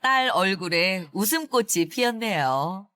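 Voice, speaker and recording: A woman narrating a human documentary in a gentle, scripted storytelling delivery. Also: medium pitch, lively intonation, a little slow.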